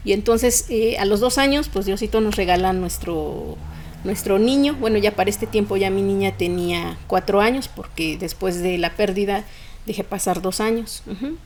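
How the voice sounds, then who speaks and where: A woman's voice: mid-range voice, normal speed, darkish tone, slight background noise. A woman, a podcast guest telling a personal story in conversation, emotional and fluent, with frequent fillers.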